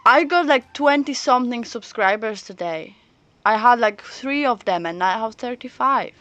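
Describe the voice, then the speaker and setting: A woman live streamer rambles casually while playing a story game, stopping and starting as she thinks out loud against game music. Her voice is a little high and expressive, with no room sound in the recording.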